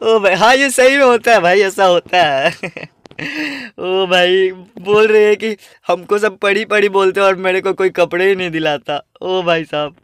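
Bright, high-voiced young man reacting. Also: normal speed, slight background noise. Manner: keeps exclaiming and laughing at clips. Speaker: reaction video host. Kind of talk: live reaction commentary.

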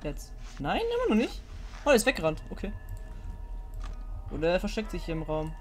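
A young woman streaming a horror game live, chatting with viewers, giggly and excitable, often laughing and shrieking. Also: on the low side, brisk, faint music behind. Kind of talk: live-stream gameplay commentary.

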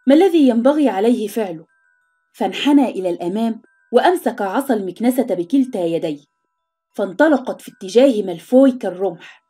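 A woman tells a storybook tale in an expressive, dramatic way. Her voice sits fairly high with a mellow, husky softness. Light chiming music plays faintly behind her. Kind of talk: storybook narration.

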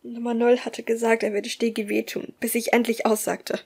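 A woman reading a first-person audiobook aloud in a soft, often hushed voice. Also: a little high, flat delivery, moderate pace, slightly rough. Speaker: audiobook reader.

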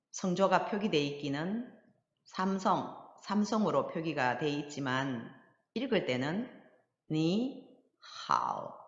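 Low-voiced, unhurried woman teacher, echoey hall. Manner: patient, models pronunciation slowly for learners to repeat. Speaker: Chinese language teacher. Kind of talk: recorded language lesson. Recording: dull lo-fi audio with long hall echo.

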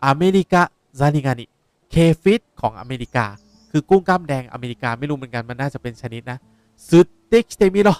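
A young man, a language teacher explaining words in a lively way while playing a game. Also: fairly high pitch, clean tone, dry recording. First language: Japanese. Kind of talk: game playthrough lesson.

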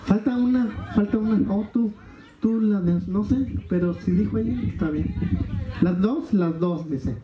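A man's voice: sits high, unhurried, highs cut off. A man hosting a live party as a clown, teasing the audience and joking with guests. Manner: teasing, jokey, calls everyone amigo. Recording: echoey hall with crowd noise.

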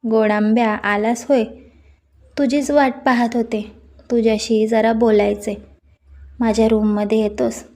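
A woman voicing an affectionate old grandmother who talks calmly and tenderly in a storybook reading. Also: fairly high pitch, measured pace, pauses often, close to an everyday voice.

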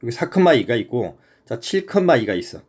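A man's voice: mid-range voice, big pitch swings, a little fast, darkish tone, husky. A man teaching a middle-school math lesson in a casual, conversational way, often checking that the student follows.

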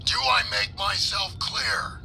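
An actor playing a stern, weary middle-aged male stormtrooper veteran, curt and deliberate, with a gravelly voice. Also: high-pitched, expressive, very noisy, exaggerated voice. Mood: menacing.

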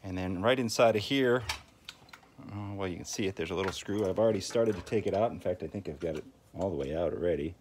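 Low-voiced and a little mellow, this fast-talking tinkering-channel host works through a repair at a table indoors. His walkthrough is casual and hands-on, with folksy thinking aloud. Clicks, handling sounds, and background noise are clearly present.

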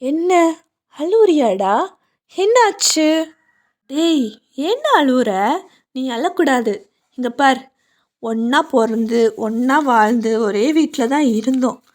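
A woman voicing a playful young woman who teases her younger brother, talking in a high, whiny way. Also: animated, slow pace, pauses often. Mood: tender. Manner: whiny and teasing, high pitched. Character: young woman, playful teasing older sister.

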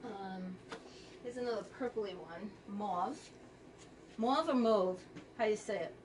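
A woman's voice: medium pitch, moderate pace, distant mic, slight background noise. A woman hosting a live fabric sale, chatting casually as she reads out color names. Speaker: quilt shop host.

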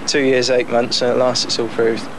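A young man talks easily about his own project, relaxed and a little cheeky, laughing between thoughts. He is recorded outdoors on a boat deck, and the 1990s news tape carries a clear layer of wind and water noise. His pitch sits mid-range for a man. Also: normal speed. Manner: relaxed, chatty, laughs often, many fillers. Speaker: amateur boat builder. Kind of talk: casual interview.

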